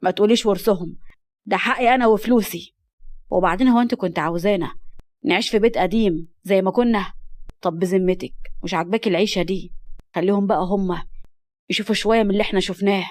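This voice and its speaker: زوج جشع متعجرف تؤديه امرأة. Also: female voice, mid-range voice, quick pace, pauses often, a little mellow, no echo, close to an everyday voice. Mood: dismissive. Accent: Egyptian Arabic. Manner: dismissive, rude. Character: greedy, callous rich husband.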